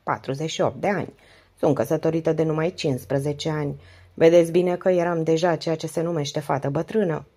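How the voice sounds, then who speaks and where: A woman's voice: deep voice, fairly even intonation, dark tone. A woman reading the part of a devoted, weary wife in her late forties who confides in long, flowing speech. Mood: confiding. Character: 48-year-old wife, talkative, devoted, weary.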